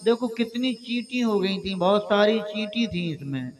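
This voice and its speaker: A man's voice: high-pitched, measured pace, a crowd in the background. A man voicing the mischievous child Krishna, full of coaxing excuses, with a Bundeli accent. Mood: pleading. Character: mischievous little boy Krishna, sweet-talking.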